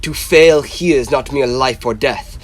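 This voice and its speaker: A man's voice: medium pitch, measured pace, close to an everyday voice. A young man in a radio drama playing a grave, insistent professor who hunts vampires, speaking in an emphatic, solemn, theatrical way. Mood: solemn, rousing. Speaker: actor in a school radio drama.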